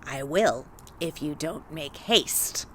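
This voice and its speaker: A fearsome old witch of the forest growls her lines in a low, gruff voice, as a woman reading the story puts her on. She sounds mocking and menacing, with a strange, altered timbre and a lively swing in her pitch. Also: slow pace, a little hiss or hum. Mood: demanding.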